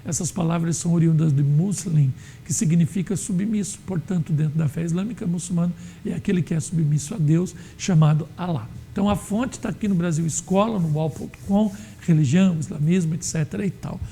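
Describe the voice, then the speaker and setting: A man from Brazil teaching an adult Sunday school Bible lesson, explaining in a measured way with frequent fillers. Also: a little high, gravelly, dark tone, slight background noise.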